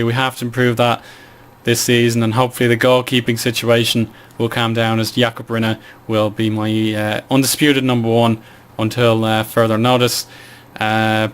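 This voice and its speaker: A man's voice: mid-range voice, clean tone. A man giving casual, hesitant commentary on a management game he is playing, with frequent fillers.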